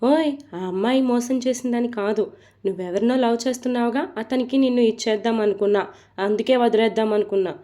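A woman voicing a guilt-ridden young husband who shouts his confession in an audio story. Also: fairly high pitch, a little fast, lightly acted. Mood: shouting desperate.

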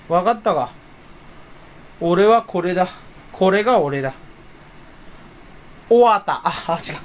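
A man's voice: high-pitched, a little hiss or hum. A young man chatting alone at his computer in a casual, rambling way, mumbling to himself and mocking his own poor memory. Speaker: streamer. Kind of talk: casual solo chat while browsing online.

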